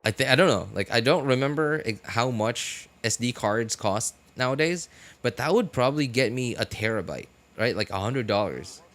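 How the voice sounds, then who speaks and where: Over background music, a male live streamer talks in a mid-range, fairly bright voice with lively intonation and moderate pace. His chat is casual and rambling; he argues points conversationally and keeps dropping in quick check-in questions.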